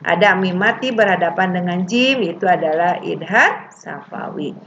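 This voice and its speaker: A woman teaching Quran recitation rules, explaining plainly and chanting the verses slowly. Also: lowish voice, a bit bright. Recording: dull lo-fi recording with faint hiss.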